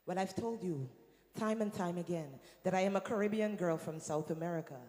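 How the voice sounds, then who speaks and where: A woman from Guyana with a Guyanese accent, a singer talking to a festival crowd from the stage, lively and calling out to the audience. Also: lowish voice, fairly quick. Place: large venue on stage. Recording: echoey hall with long reverb.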